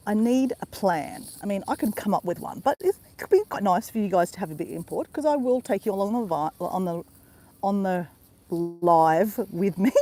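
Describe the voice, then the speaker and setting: A woman's voice: medium pitch, warm tone. An Australian woman chatting casually to her viewers on a live walk, calling them guys again and again. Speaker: travel vlogger. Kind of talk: casual live-stream chat. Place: outdoors in a park by a river.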